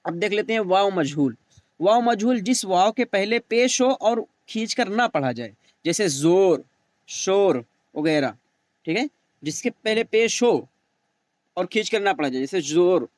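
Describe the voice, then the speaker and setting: Guy teaching grammar, kinda high voice, dry close sound, keeps repeating examples and asking then answering his own questions. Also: dry recording. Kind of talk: recorded grammar lesson.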